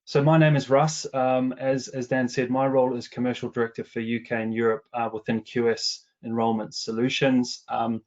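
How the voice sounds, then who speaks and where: A middle-aged New Zealand man, now the commercial director presenting research, shares survey findings in a webinar with a measured business tone and plenty of ums and restarts. His accent is partly anglicized from years in England. His medium-pitched, darkish voice varies little in pitch, and the audio is dull.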